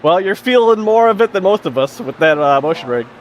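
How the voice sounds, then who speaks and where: A man coaching his teammates through a long sim race, calm and methodical like a race engineer. His voice sits a little high. Faint engine noise runs behind him. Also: fairly quick, muffled recording. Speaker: streamer and team manager in a sim race. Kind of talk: casual team chat over voice comms.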